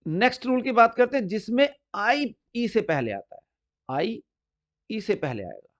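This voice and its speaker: A man teaching English spelling rules, explaining slowly and repeating examples, stressing the key words. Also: sits high, big pitch swings. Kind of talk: explanatory lesson. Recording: dull lo-fi recording.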